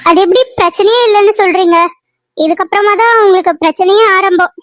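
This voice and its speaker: Woman playing a shrill, gossipy cartoon aunt with a dry close sound. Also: fast talker, no echo. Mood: blunt. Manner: insistent, gossipy. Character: gossiping, scolding aunt, middle-aged woman.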